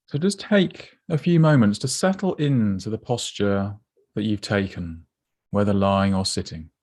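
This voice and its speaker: A man guides listeners through a body scan meditation, gently and without hurry, giving instructions with pauses between his phrases. His voice sits on the low side.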